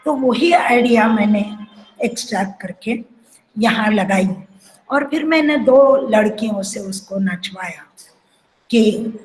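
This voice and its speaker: Slow-spoken older woman dance teacher. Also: mid-range voice, a little mellow, poor audio. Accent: Marathi. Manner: reflective, sings phrases to illustrate. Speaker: kathak guru teaching. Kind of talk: lecture with sung syllables.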